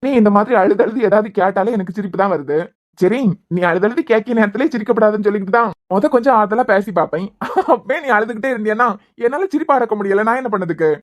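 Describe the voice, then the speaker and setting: A woman voicing a devoted young husband who is a hospital head, speaking in a Kanyakumari Tamil accent, bantering fast and turning stern at times. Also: medium pitch, natural voice. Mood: teasing. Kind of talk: cartoon web series voice acting.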